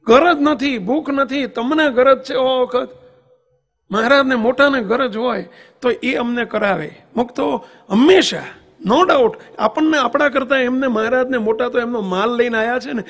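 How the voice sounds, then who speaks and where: A man's voice: very high voice, fairly bright tone. A man, a monk, giving a devotional sermon with emphatic rhetorical questions and anecdotes. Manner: tells anecdotes and sings verses. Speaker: monk preacher.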